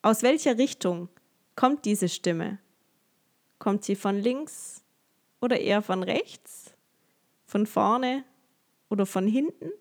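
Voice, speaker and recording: A woman, a yoga teacher and coach, calmly guiding listeners through a coaching exercise with many gentle questions and frequent light laughs. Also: mid-range voice, takes it slowly, pauses often. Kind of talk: guided coaching exercise, podcast.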